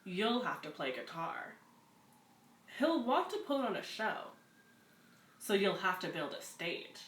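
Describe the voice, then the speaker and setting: At a community center story time, a woman reads picture books aloud and talks casually to her young audience. Her mid-range voice is sing-song, fairly bright and unhurried. The recording is echoey, with background noise plainly audible.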